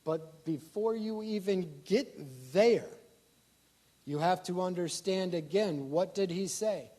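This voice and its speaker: A male pastor with a high voice preaches a sermon, posing rhetorical questions to the congregation. His delivery swings between loud emphasis and quiet asides.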